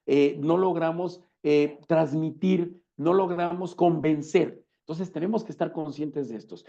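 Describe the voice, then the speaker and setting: Gravelly man lecturing on law. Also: on the high side, dark tone. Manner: explanatory, asks rhetorical questions, repeats key words. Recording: dull lo-fi recording.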